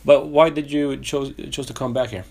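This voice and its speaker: A man's voice: mid-range voice, steady tone, moderate pace, creaky, darkish tone. A man with a Swedish accent hosting a casual podcast interview, hesitating often with fillers and restarts. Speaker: podcast host.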